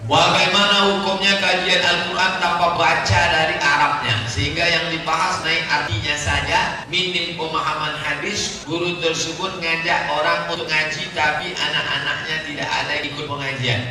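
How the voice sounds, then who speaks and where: A man preaching a humorous sermon, joking and acting out congregants' questions in high voices. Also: steady tone, normal speed, hardly any pauses, roomy sound, big-room sound, music in the background, poor audio.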